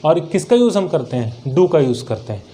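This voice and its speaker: A man with a high voice teaches an English grammar lesson. He keeps putting questions to the class and answering them himself, and he stretches out each example sentence slowly. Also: sing-song, warm tone. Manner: slow, drawn-out reading of example sentences. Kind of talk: grammar lesson explained in Hindi.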